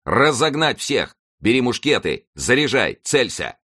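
A man voicing a bold, fierce male musketeer officer who shouts commands. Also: on the low side, expressive, normal speed, pitched above the performer's own voice. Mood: commanding.

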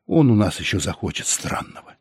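A man voicing a wry, amused young male explorer with a quiet, low manner in an audiobook. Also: sing-song, fairly quick, breathy edge, no echo, clean studio sound, exaggerated voice.

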